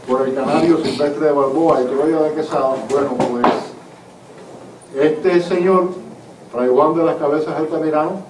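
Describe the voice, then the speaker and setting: A man's voice: fairly high pitch, measured pace. A man from Cuba, an author and historian, answering audience questions at a book presentation in an earnest, emphatic way. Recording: echoey hall from far off, faint noise.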